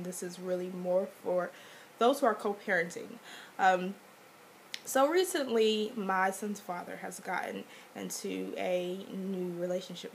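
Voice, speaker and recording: A woman's voice: medium pitch, low-quality recording. Congested young woman vlogger with stuffy nose. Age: young adult. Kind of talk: casual advice vlog to camera. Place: small indoor room. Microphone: webcam or laptop mic at arm's length. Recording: webcam audio with faint background noise.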